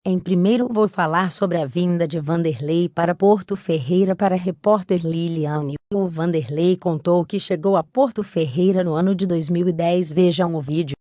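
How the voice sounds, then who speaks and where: A computer-generated woman's voice with a robotic, text-to-speech sound, pitched fairly low. It reads a scripted case narration in an even, methodical way, and it sounds dry and close with no room around it. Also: normal speed, hardly any pauses, no room sound. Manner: even, methodical reading of court documents.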